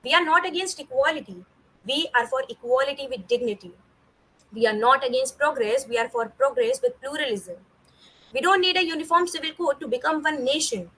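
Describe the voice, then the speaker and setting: A woman's voice: high voice, brisk, pushed and bright, low-quality recording. A young woman with an Indian accent delivers a memorized competition speech in an emphatic, rhetorical way. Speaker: speech contest participant.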